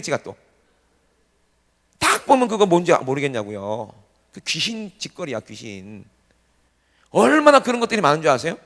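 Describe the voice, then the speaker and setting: A man preaching a revival sermon to a congregation, animated and often shouting, firing off rhetorical questions. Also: fairly high pitch, creaky. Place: church sanctuary. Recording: reverberant church hall.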